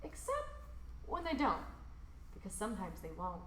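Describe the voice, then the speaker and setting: A woman reads a rhyming children's picture book aloud expressively, with theatrical emphasis and drawn-out words. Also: mid-range voice, wildly swooping pitch, fairly bright tone, echoey room, slight background noise. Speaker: storybook reader.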